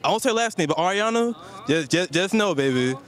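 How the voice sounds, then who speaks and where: Quick-talking, playful man on the street. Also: high voice, animated, fairly bright tone. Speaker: street interviewee. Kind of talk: slangy casual street chat.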